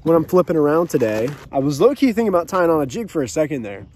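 A young man hosting a fishing vlog from a small boat on a lake, chattering excitedly into an action camera. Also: on the high side, fast. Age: young adult. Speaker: fishing channel host. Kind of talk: casual outdoor fishing vlog. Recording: outdoor boat audio with faint noise.

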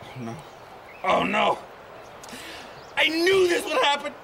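A man voicing an anxious, excitable monster puppet on children's television, stammering and exclaiming. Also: very high-pitched, slow, creaky, a little hiss or hum, exaggerated voice. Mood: flustered, anxious.

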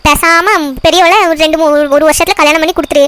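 A woman's voice: very high voice, fairly even intonation, fast, a bit bright, no echo. A woman voicing a blunt old cartoon mother. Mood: scolding. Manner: blunt, scolding. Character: older mother worrying about granddaughters' marriages. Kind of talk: cartoon voice acting.

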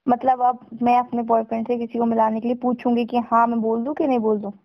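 A woman playing a pushy young girlfriend with a gravelly edge. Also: a little high, level tone, no room sound, close to an everyday voice. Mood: heated. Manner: pushy, insistent, quick-talking. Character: insistent young girlfriend, stubborn and demanding. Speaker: girlfriend on a phone call. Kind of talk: scripted phone-call drama. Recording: dull, dry lo-fi recording.

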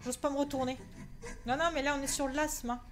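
Her voice is high and steady, her pace brisk, as she provides live commentary on a horror game she's streaming. She's nervous and on edge, letting out swears and exclamations while playing.

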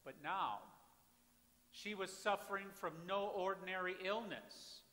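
Recorded by a far camera at the back of a church sanctuary with its congregation, a male pastor delivers a dramatic sermon swinging from hushed to loud. His voice is high-pitched and a little slow, and the sound reverberates from far off.

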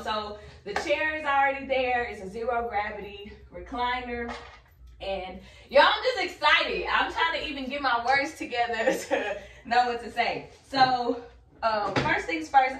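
A woman, a lash artist chatting excitedly to camera in a casual vlog from her home lash room, a little out of breath. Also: fairly high pitch, noisy background. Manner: excited and chatty, uses "y'all".

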